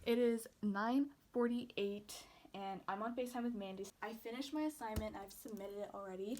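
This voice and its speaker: A young woman vlogging casually and gushing with excitement as she unboxes albums. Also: mid-range voice, distant mic, slight background noise. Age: young adult. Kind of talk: casual vlog narration.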